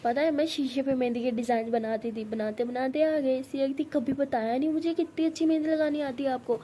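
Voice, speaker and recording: A woman's voice: fairly quick, dark tone, a little hiss or hum. A woman telling a love story in a casual spoken way, acting out the characters' lines herself. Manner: acts out both girls' lines with rising pitch and force.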